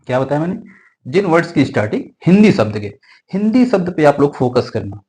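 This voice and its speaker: A man's voice: a little high, big pitch swings, fairly quick, mellow, low-quality recording. A man teaching a grammar lesson, often asking a question and then answering it himself, and repeating the key rules. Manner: mixes Hindi with English grammar terms.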